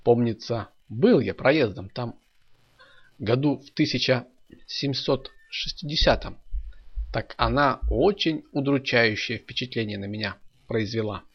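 A man's voice: mid-range voice, a little slow, husky. A man voicing a proud, truthful old bearded man who speaks emphatically in an audiobook story. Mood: reflective. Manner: emphatic, indignant. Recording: dull lo-fi audio.

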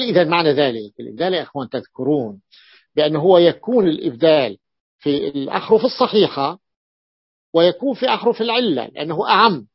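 A man teaching Arabic grammar in a classroom lecture, explaining slowly, repeating and stretching words, with long drawn-out hesitations. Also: sits high, husky, dry recording, muffled recording.

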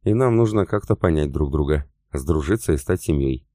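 A man reading the lines of a refined aristocratic young wife in an audiobook, in composed, measured speech. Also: extremely low pitch, expressive, warm tone, dry recording, studio quality. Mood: cool.

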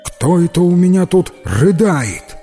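A man's voice: medium pitch, very animated, takes it slowly, a little mellow, faint music behind, voice pushed up. Man voicing Max, a proud bossy puppy. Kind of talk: audiobook character voice.

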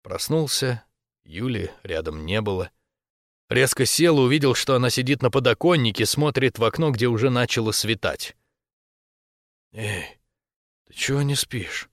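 A man narrating a first-person romance novel as an audiobook, in a steady, intimate storytelling voice. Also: mid-range voice, moderate pace, no room sound, clean studio sound.

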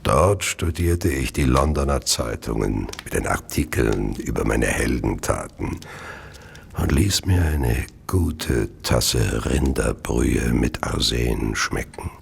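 A man playing a gloating, well-to-do Victorian serial killer in a radio play, speaking in a slow, savouring, theatrical way with a gravelly, husky voice. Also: extremely low pitch, expressive, a little hiss or hum, heavily acted. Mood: smug, confiding. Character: gloating, arsenic-addicted Victorian serial killer, wealthy gentleman. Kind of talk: German radio play monologue and narration.

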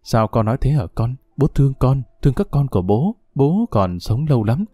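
A man voicing a poor, anxious father who speaks gently and coaxingly to his daughter in a dramatic audiobook. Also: medium pitch, big pitch swings, a little fast, no echo, clean studio sound. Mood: coaxing, worried.

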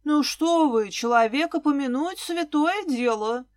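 A woman's voice: sits high, unhurried, dry recording, studio quality. A woman voicing a man drinking cognac at a wake who sighs and speaks solemnly and preachily.

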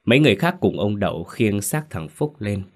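Casting: male storyteller, low voice, grave and tense horror narration. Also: sing-song, brisk.

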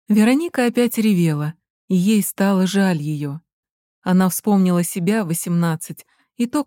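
Audiobook narrator, woman, mellow, dry close recording. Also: lowish voice, no echo. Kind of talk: scripted narration.

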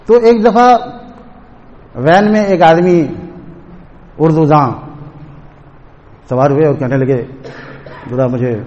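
A man's voice: a little high, pauses often, darkish tone, highs cut off. A man giving a storytelling sermon in a mosque, acting out the people in his anecdotes and sometimes singing a couplet. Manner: storytelling with acted quotes and a sung couplet. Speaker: religious teacher. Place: large mosque. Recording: long hall reverb.

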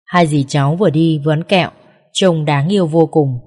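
A woman's voice: low voice, fairly quick, a little mellow, big-room sound. Woman reading a sad family story. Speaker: audiobook narrator. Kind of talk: scripted first-person story narration.

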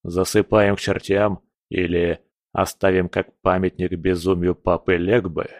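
A man voicing a blunt, gruff older male warrior in an audiobook. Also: low voice, little pitch movement, a little slow, no room sound, studio quality, voice pushed down.

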